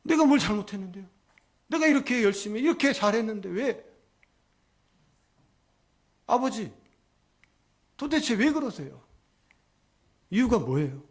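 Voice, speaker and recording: A preacher acts out a resentful elder son, complaining loudly to his father. The voice sits high and sounds aggrieved and demanding, as if he has been wronged. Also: lively intonation, moderate pace, long pauses. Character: indignant resentful elder brother, grown son.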